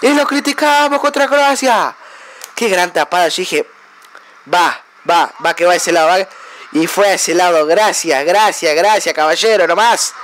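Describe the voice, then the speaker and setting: A young man with an Argentine accent narrates his own football video game match, chatty and fan-like, breaking into shouts at the big moments. His voice sits very high for a man. A faint hum of noise runs under the recording. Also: moderate pace. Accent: Argentine Spanish. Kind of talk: excited play-by-play game commentary.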